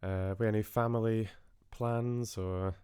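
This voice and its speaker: A livestream host with a lowish, mellow, smooth voice speaks at a measured pace with fairly even intonation. His chat with live viewers is casual, friendly and hesitant, drifting into asides, captured in studio quality without room sound.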